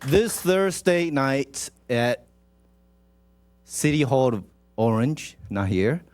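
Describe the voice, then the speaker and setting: At a council meeting, a mayor with a Taiwanese accent gives an informal ceremonial address and reads a proclamation, chatty and jovial as he speaks directly to people. His medium-pitched, darkish voice swings widely in pitch at a slow pace, with a faint crowd and slight background noise.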